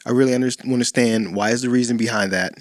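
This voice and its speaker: A man co-hosting a dating-coach podcast in casual chat, playful and animated, often acting out quoted lines. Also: medium pitch, fast talker, dry recording, clean studio sound.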